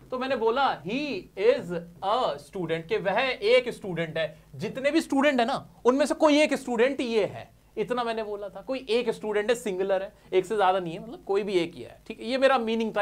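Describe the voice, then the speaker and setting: Calling his listeners dear friends, a man walks through English grammar step by step in a high voice. He keeps raising questions and answering them himself.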